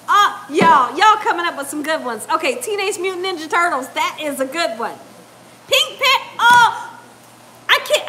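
A middle-aged woman, hosting a casual livestream from her home kitchen and reading out chat, laughing often and chatting in an animated way. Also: very high voice, a little hiss or hum. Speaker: cooking channel host reading live chat. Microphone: lapel mic.

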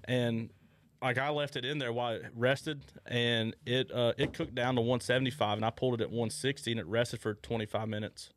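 Fast-talking man giving practical tips. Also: mid-range voice, steady tone. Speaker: podcast co-host. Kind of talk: casual chat. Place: fly shop, indoors.

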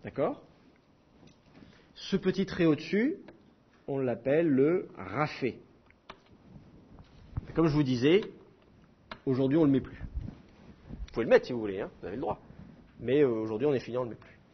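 A man's voice: mid-range voice, lively intonation, moderate pace, pauses often, dull audio, slight background noise. A middle-aged man teaching a class, explaining with demonstrated sounds and self-mocking humor. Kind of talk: classroom lecture.

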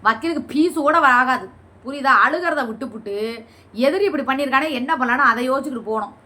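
A woman's voice: high voice, fast talker, bright, forceful tone. A woman vlogger answering viewer comments in a combative, scolding and sarcastic way. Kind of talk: heated reply to comments.

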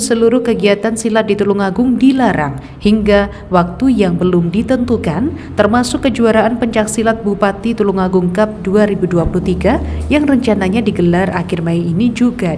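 A woman's voice: mid-range voice, normal speed, warm tone. Female news narrator, faint background noise. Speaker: news reporter.

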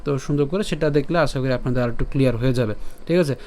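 A man teaching verse pronunciation over slides, patiently repeating each word and syllable slowly and now and then chanting the lines to a melody. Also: mid-range voice, a little mellow, a little hiss or hum. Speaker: scripture recitation teacher. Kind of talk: slide-based pronunciation lesson.

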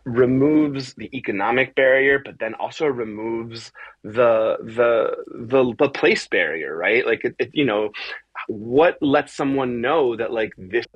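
An unhurried, slightly rough medium-pitched voice belongs to a middle-aged theater composer, music director and adapter, Argentine-born and US-raised from age four. He answers an interview conversationally on a video call, frequently repeating words and saying "right?". The lo-fi sound from the small bare indoor room has no room sound.

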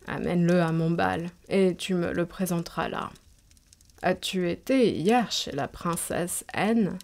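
A woman voicing an old, haughty and capricious countess in a storybook reading, giving drawn-out commands. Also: fairly low pitch, creaky, darkish tone. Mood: imperious.

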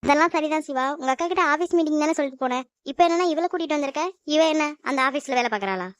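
A woman's voice: sits high, racing, no room sound, clean studio sound, close to an everyday voice. A woman voicing a fussy, suspicious middle-aged aunt in a cartoon, nagging and questioning. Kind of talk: animated cartoon dub.

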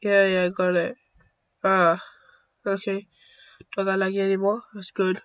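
A young man giving casual gameplay commentary, muttering to himself and bursting into excited shouts. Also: high voice, a little slow, dry recording, highs cut off. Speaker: gaming YouTuber.

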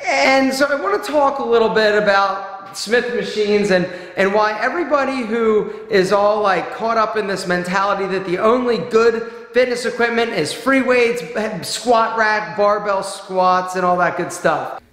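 Animated man in an echoey home gym. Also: high-pitched, measured pace, hardly any pauses. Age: 40s. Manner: animated, emphatic, gesturing broadly. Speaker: fitness vlogger. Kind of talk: home gym tour vlog. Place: small home gym room, indoors. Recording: echoey bare room.

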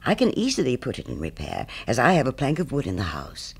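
A man's voice: medium pitch, wildly swooping pitch, fast, gravelly, slightly rough, heavily acted. A man voicing a naive, humble little man in a storybook tale, earnest and eager to please his friend. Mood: grateful. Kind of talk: storybook character reading.

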